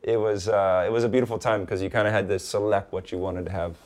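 A man from Hawaii, a guest in a casual interview, talking in a relaxed, rambling way with lots of "like" and "you know.". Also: fairly low pitch, quick pace.

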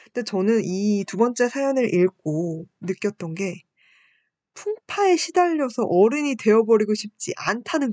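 A woman in her twenties with a mid-range, slightly mellow voice and no echo hosts a radio-style show as a university student. She reflects politely and candidly, poking fun at herself while sharing personal thoughts and reading listener messages.

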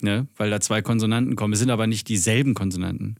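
A man's voice: fairly low pitch, quick pace, gravelly, no echo, clean studio sound. A man from Germany chatting casually as a podcast co-host, rambling, losing his thread and joking crudely. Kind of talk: casual chat.

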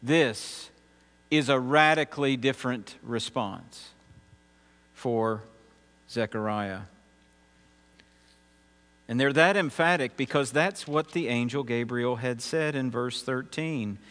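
A man preaching a sermon as pastor, measured, with emphatic pauses between phrases. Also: medium pitch, a bit bright. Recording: long reverb with mains hum.

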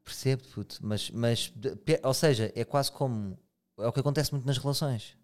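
A man's voice: medium pitch, normal speed. A man with a European Portuguese accent hosting a casual chat, asking probing, reflective questions.

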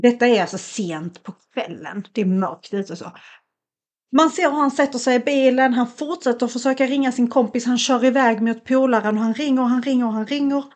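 A young woman co-hosting a podcast, retelling a scary film in a lively, casual way and acting out the lines of the people in it. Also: a little high. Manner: animated retelling, acts out quotes. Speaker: podcast co-host. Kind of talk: casual storytelling chat.

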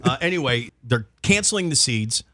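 A man hosting a podcast in a joking, excitable casual chat. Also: mid-range voice, normal speed, dry recording. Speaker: podcast host.

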